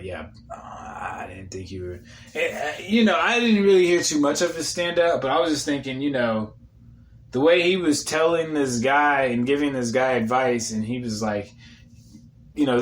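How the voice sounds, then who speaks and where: The speaker is a male comedian spinning a profane, wandering story in an offhand monologue style, often lowering his voice to a mutter as he repeats other people's words.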